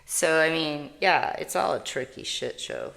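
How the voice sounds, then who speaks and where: Low-voiced rambling woman tarot reader. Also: animated, vocal fry, a bit bright. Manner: rambling, emotional, self-interrupting; reads card text aloud slowly. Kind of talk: casual spiritual vlog chat.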